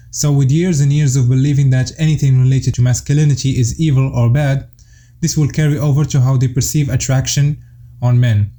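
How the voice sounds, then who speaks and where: A young man from Morocco talks through a scripted commentary in a steady, explanatory way. His voice is very dark and mellow. He sits at middle pitch and lays out his points in order, like a list. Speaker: YouTube commentator.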